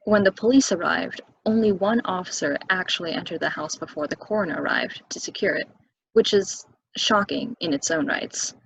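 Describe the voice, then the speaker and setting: In her lowish voice with some vocal fry, the woman reads the part of a solitary, calm young local at a play's table reading, narrating in a slow, matter-of-fact storytelling way. The recording is rough, with a little hiss or hum.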